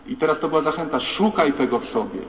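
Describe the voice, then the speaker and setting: A priest preaching a sermon, his slightly high voice turning to the congregation with questions and appeals. The sound is tinny and phone-like. It rings with a long echo through a large church hall. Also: lively intonation, fast talker, recorded from a distance. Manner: rhetorical, addresses the congregation directly.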